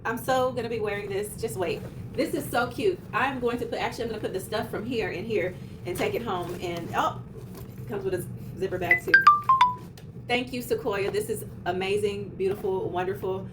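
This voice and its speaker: A woman's voice: medium pitch, normal speed, loud music behind the voice. A woman, talking effusively and casually to viewers as a notary vlogger. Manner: chatty and effusive, talks straight to viewers. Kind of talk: casual vlog talk to camera. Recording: noisy background.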